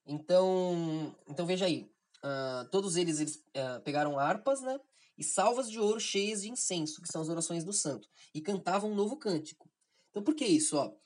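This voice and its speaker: Brazilian woman rambling thru a spiritual lesson, low husky voice, keeps tacking on questions. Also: animated, brisk, darkish tone. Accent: Brazilian Portuguese. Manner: digressive, constantly adds "né?" tag questions. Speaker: spiritual teacher of an episode series. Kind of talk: informal spiritual teaching.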